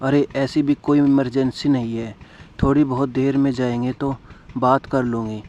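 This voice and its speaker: A man's voice: mid-range voice, flat delivery, moderate pace, a little mellow, lo-fi sound, lightly acted. A man narrating a story voices an anxious, caring elderly mother-in-law in a motherly, pleading manner. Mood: musing.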